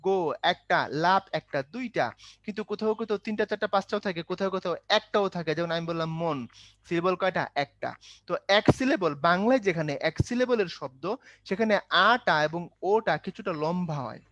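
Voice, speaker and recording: A man teaching Bengali grammar in an online demo class, lively and rhythmic as he drills terms and speaks directly to his students. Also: high voice, normal speed, no echo.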